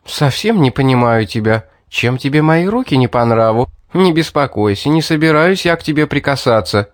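A man's voice: medium pitch, animated, normal speed, no echo, studio quality, close to an everyday voice. A man voicing a scheming young woman from a fantasy audiobook who coaxes, mocks and threatens. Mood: coaxing. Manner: mocking, coaxing and threatening. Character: scheming young woman, sweetly coaxing and cold.

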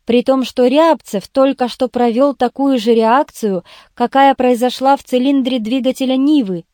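A woman's voice: high-pitched, moderate pace, dark tone, no room sound, clean studio sound, lightly acted. A woman reading the lines of a blunt male journalist questioning a suspect in an audiobook. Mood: interrogating. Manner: harsh, interrogating.

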